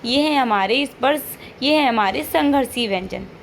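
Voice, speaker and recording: Woman teacher, high-ish voice, keeps asking the class questions, bit of hiss behind. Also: normal speed, vocal fry. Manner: patient, repeats points and models sounds aloud; checks in with frequent rhetorical questions. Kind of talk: online classroom lesson.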